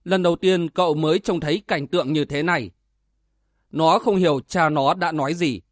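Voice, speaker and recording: Guy narrating a martial arts novel audiobook, dramatic and steady, kinda high voice, dry close sound. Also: moderate pace, no room sound.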